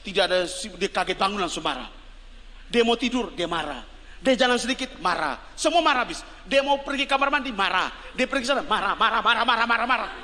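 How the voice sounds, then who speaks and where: A male evangelist with a Kupang Malay accent giving a lively, joking sermon and calling on his congregation to respond. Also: sits high, brisk. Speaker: evangelist preacher. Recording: reverberant hall, faint background noise.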